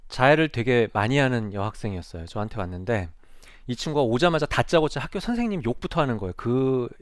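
Man giving an animated stage talk. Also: medium pitch, fast talker, no room sound, clean studio sound. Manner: storytelling, acts out quoted speech in a raised voice; addresses the audience directly with questions. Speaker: psychiatrist giving a lecture. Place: lecture stage before an audience.

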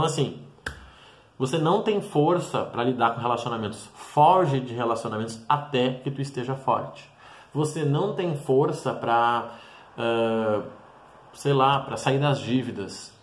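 Blunt man giving a motivational talk. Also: medium pitch. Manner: blunt, emphatic, addresses viewer directly. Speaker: mentor and vlogger. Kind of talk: motivational monologue to camera. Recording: roomy echoey room.

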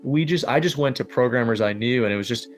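A man's voice: medium pitch, quick pace, faint music behind. A man in his thirties answering interview questions conversationally, often saying "you know". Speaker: interview guest.

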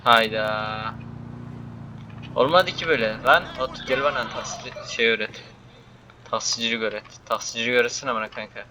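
A young man giving loud, joking commentary while playing a game, swearing and shouting at the characters on screen. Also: medium pitch, normal speed, a little hiss or hum, low-quality recording. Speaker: gaming YouTuber. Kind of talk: casual gameplay commentary.

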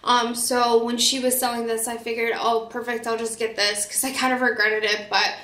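A woman's voice: fairly high pitch, flat delivery, normal speed, sharp tone, echoey room. A woman vlogging a casual shopping haul while getting over a cold, chatty and full of fillers. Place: home studio.

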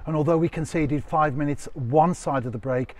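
A man's voice: on the high side, normal speed, darkish tone. A man interviewing a coach for a club channel, reading formal lead-ins to his questions. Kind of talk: post-match interview questions.

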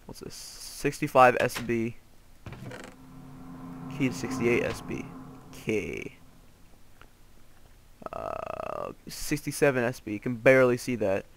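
A young man narrates his run through a horror map in a slow, unhurried way. He cracks jokes and yelps in panic whenever something jumps out. A faint hiss sits under the recording. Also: medium pitch, wildly swooping pitch, creaky. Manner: jokey, jumpy, yelps and panics at scares. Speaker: gamer playing a horror map. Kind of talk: let's play commentary.

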